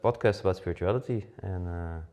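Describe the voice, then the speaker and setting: A deep, mellow voice comes through lo-fi audio at a fast clip. The speaker is a Dutch podcast co-host in his forties who chats casually, full of fillers and restarts.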